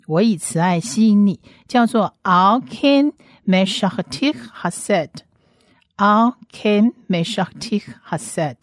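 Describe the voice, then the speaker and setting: A woman teaching a slow, step-by-step language lesson, patiently repeating each sound several times. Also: lowish voice, darkish tone, no echo, clean studio sound. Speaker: Hebrew teacher.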